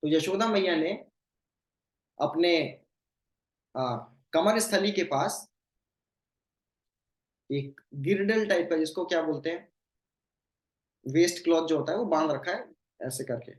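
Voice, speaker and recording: A devotional scripture teacher with a mid-pitched voice, recorded in a roomy, echoing space. Sanskrit verses come out slow and measured, followed by explanations with English phrases woven in. Rhetorical questions close with a "hmm?". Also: lively intonation. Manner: recites Sanskrit verses slowly, then explains them; mixes English phrases into the talk. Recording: roomy echo.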